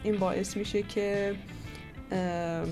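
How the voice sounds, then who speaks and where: A woman's voice: medium pitch, steady tone, music in the background. A woman who hosts her own channel, giving casual commentary as she works and muttering to herself while trying things out. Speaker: 3D artist and channel host. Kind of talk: casual thinking-aloud commentary while working.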